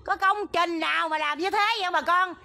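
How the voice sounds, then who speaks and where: Speaking briskly in a very high, bright, forceful voice with vocal fry, a middle-aged woman from the Mekong Delta, with a Southern Vietnamese accent, livestreams a land-dispute protest beside a road near a school. She pleads in agitation and keeps saying "there" to indicate things, with slight background noise.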